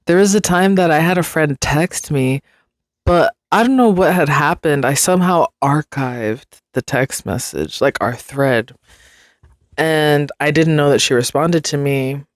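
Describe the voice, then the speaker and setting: A woman's voice: deep voice, unhurried, no echo. A young woman hosting a casual solo podcast, rambling, interrupting herself and swearing freely. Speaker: podcast host.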